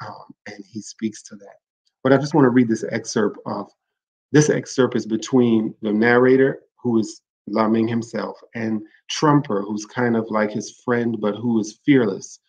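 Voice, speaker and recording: A man's voice: lowish voice, a little mellow, low-quality recording. A man hosting a livestream, giving an earnest, reflective talk on literature and often restarting phrases to correct himself. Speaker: livestream host discussing literature. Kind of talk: informal literary talk with read-aloud excerpts.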